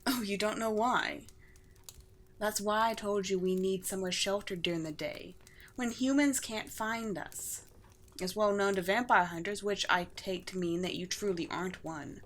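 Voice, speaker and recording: Voicing a regal yet gentle vampire queen in a scripted ASMR piece, a woman speaks formally and poetically with tender amusement. She has a medium pitch, a moderate pace and lightly acted delivery, and her mood is amused and reassuring.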